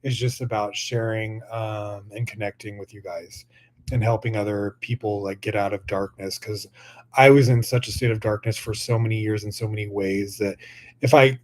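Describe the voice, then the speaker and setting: A man's voice: on the low side, steady tone, moderate pace. A young man hosting a spiritual podcast, talking in a gushing, rambling way full of fillers. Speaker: podcast host. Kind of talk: casual spiritual podcast talk.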